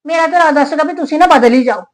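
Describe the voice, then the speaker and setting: A woman's voice: sits high, racing, close to an everyday voice. A woman playing a domineering middle-aged landlady who scolds her tenants. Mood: scolding. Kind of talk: skit acting.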